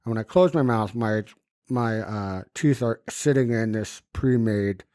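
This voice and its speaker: A man's voice: on the low side, unhurried, mellow, no echo. Casual male podcaster with swollen lip and splinted mouth, muffled diction, informal and sweary, dry recording. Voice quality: impeded, muffled articulation from a swollen numb lip and dental splints. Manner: loose, informal, frequent cursing. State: puffy swollen lip and banded jaw after surgery. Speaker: podcast host. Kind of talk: casual chat, recounting a personal experience.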